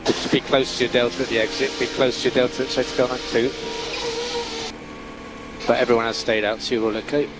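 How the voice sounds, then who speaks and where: A man's voice: mid-range voice, little pitch movement, fast talker, pauses often, loud music behind the voice. A man working as a race engineer, giving clipped, repeated instructions to a driver over race car radio. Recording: noisy team radio with car sounds.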